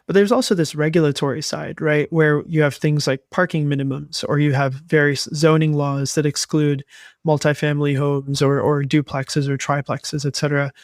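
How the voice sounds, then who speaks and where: Podcast host with a higher male voice. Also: little pitch movement, normal speed, dry recording, clean studio sound. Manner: conversational, builds long questions with restarts. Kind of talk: interview questions.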